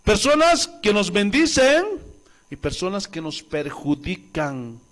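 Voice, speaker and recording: A man from Bolivia preaching a sermon with great animation, now and then acting out the voices of the story. His voice sits high and leaps up and down, and his delivery is unhurried. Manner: animated preaching, acts out voices, asks the congregation questions. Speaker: pastor.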